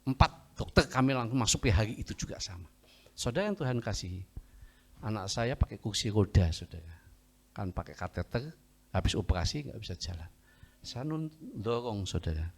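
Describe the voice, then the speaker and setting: A man's voice: on the low side, normal speed, breathy edge. A middle-aged man preaching a testimony sermon. He tells his story with animation and often turns to address the congregation. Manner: animated storytelling, acts out doctors and family in raised voice.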